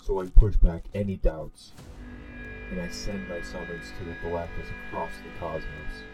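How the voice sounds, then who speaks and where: A man plays a solemn cosmic herald in a comic-dub monologue with music underneath, his voice low, grave, and natural with a steady tone. The dramatic narration is deliberate and theatrical, weighed down by torment, pleading yet resigned.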